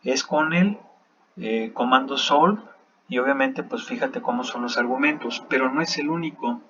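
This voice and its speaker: A man's voice: medium pitch, moderate pace. A man teaching a math lesson over a screen recording, thinking aloud as he checks his work. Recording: slightly dull sound with faint background noise.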